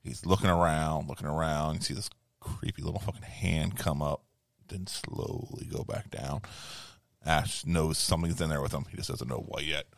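A man's voice: extremely low pitch, normal speed, creaky, no echo. A man co-hosting a podcast, casually retelling a film's plot with lots of swearing. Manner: profane, rambling plot retelling. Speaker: podcast co-host. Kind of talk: casual movie recap chat.

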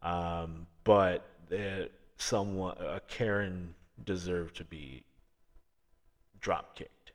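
A man's voice: deep voice, steady tone, very slow. A young man hosting a podcast, telling a story casually with many fillers and chuckles. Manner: laid-back, chuckling, filler-heavy. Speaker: podcast host.

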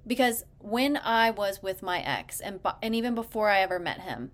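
A woman's voice: medium pitch, expressive, moderate pace. Woman, middle-aged, podcast host, earnest, emotional, personal storytelling, fillers and restarts.

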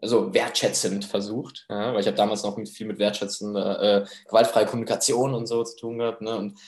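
A man's voice: lowish voice, flat delivery, fairly quick, darkish tone. Chatty German-speaking man, roomy sound. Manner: chatty, laughs often, many fillers. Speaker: guest telling a personal story. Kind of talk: casual storytelling. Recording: roomy echo.

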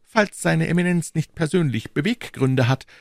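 A man playing an uneasy king, raised fretful voice, lively pitch, gravelly edge, audiobook. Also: normal speed, no echo, clean studio sound. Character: anxious, hesitant male king, uneasy ruler.

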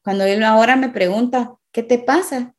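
Female co-host, slightly high voice, animated storyteller with frequent check-ins. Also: moderate pace. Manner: warm affirmations, animated storytelling, frequent "¿verdad?". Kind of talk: faith-based couples talk show chat.

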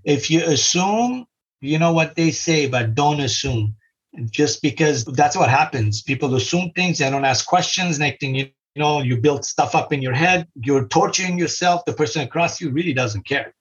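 As a guest on a podcast, a middle-aged man from Lebanon earnestly hands out simple life advice in a casual interview, repeating it often. He has a little high voice with lively intonation and a breathy edge, at a moderate pace, on a muffled lo-fi recording.

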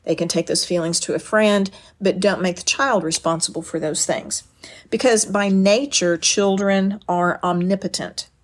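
A middle-aged woman with a fairly low-pitched voice gives an earnest teaching talk. She explains carefully and often restarts her sentences as she goes. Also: steady tone, normal speed. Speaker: speaker on parenting and boundaries. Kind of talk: teaching talk with personal stories.

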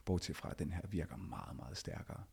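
A middle-aged man, a podcast host, telling a personal story in an animated way and acting out the dialogue himself. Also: rumbling low, vocal fry, slightly rough. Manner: animated, acts out quoted dialogue.

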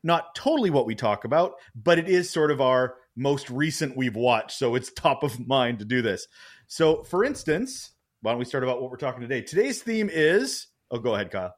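A man's voice: medium pitch, moderate pace. A man co-hosting a casual movie podcast, joking and rambling with many restarts. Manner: lively, jokey, rambling with restarts. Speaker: podcast co-host. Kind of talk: casual chat. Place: Vancouver Island.

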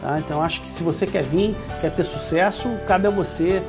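A man's voice: fairly high pitch, brisk, music in the background. A Brazilian man with a Brazilian Portuguese accent, co-hosting a casual podcast and talking earnestly and encouragingly, with many restarts and fillers. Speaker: podcast co-host, business owner.

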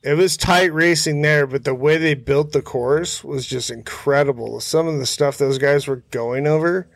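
Out in a backyard, a motorcycle hill climb rider sits as an interview guest and swaps racing stories in a laid-back, slangy, hesitant manner. His voice is on the high side and creaky, at normal speed, with no room sound.

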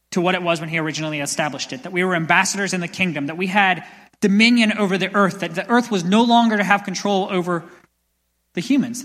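A young man preaching a sermon as pastor, energetic and building to loud passionate peaks, in a church sanctuary. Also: sits high. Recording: long church hall reverb.

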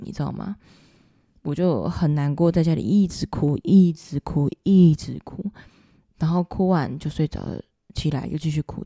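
Woman, Taiwanese Mandarin accent, podcast host, confiding storyteller, mellow dark tone, dry close sound. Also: low-pitched, gravelly, no echo. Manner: emotional, confiding, keeps asking "you know?". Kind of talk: personal storytelling.

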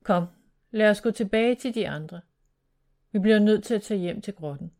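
A woman's voice: mid-range voice, darkish tone, close to an everyday voice. A woman reading the part of a worried, frustrated male dragon-monster leader in a storybook tale. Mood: resolute. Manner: anxious, frustrated.

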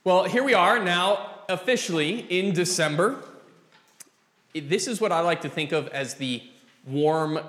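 Man, preacher, sermon, very slow and deliberate, folksy, slightly high voice, long church reverb. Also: a bit bright. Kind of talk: sermon with opening prayer. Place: church sanctuary. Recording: roomy reverberant church sound.

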